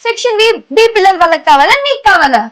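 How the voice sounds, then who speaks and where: A woman's voice: extremely high pitch, expressive, racing, a bit bright, slight background noise. A woman playing a bossy, indignant schoolteacher who bickers with a rival teacher. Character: bossy young female teacher, petty rival. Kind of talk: comedy sketch acting.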